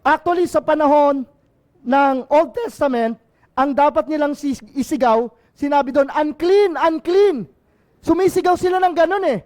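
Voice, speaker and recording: A man's voice: very high-pitched, moderate pace, a little mellow. A male pastor from the Philippines with a Filipino accent, preaching an impassioned sermon and often asking the congregation for an amen.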